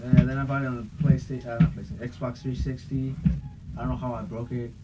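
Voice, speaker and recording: A man's voice: medium pitch, little pitch movement, quick pace. A young man hosting a podcast, chatting casually in a rambling, profane way. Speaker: podcast host. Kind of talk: casual chat. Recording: muffled with faint hiss.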